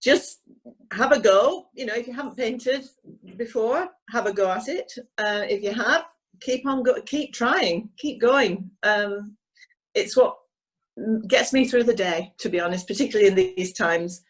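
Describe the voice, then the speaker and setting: A woman's voice: on the high side, moderate pace, slightly rough, poor audio. Hesitant woman on a video call. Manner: hesitant, many ums and restarts. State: slightly hoarse. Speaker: equestrian painter.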